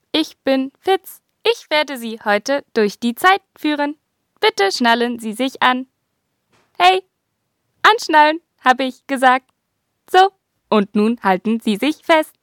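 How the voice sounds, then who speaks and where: A polite, announcing onboard computer from a kids' audio story, played by a woman with a high voice. She speaks slowly and clearly. The sound is dry and close. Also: a bit bright, no echo, full character voice. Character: friendly female onboard computer.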